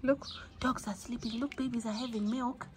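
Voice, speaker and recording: A young woman with a Zimbabwean accent vlogging outdoors in a home yard, mixing English with Ndebele and gently coaxing a small child. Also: a little high, steady tone, normal speed, heavy background noise. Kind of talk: casual vlog chat.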